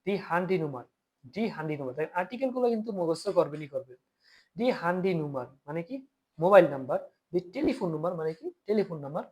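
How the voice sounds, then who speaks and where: Man, Bangladeshi accent, German teacher, slightly high pitch, self-answering questions, frequent check-ins. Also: lively intonation, fast, a little mellow, breathy edge. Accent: Bangladeshi Bengali. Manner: repeats questions and answers them himself, checks in often. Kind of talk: lesson explaining vocabulary.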